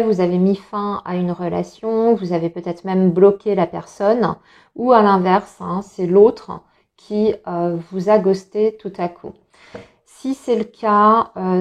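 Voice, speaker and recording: Woman, tarot reader, talks to viewers in a loose, reassuring ramble, mid pitch. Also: a little mellow. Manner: chatty, many fillers and restarts, reassuring. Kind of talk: casual tarot reading for viewers.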